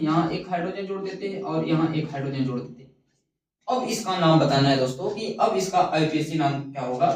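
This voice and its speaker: Man, high voice, chemistry teacher, echoey room, far from the mic, repeats key terms. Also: a little mellow. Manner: asks the class questions and answers them himself, repeating key words. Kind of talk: chemistry lesson at a whiteboard.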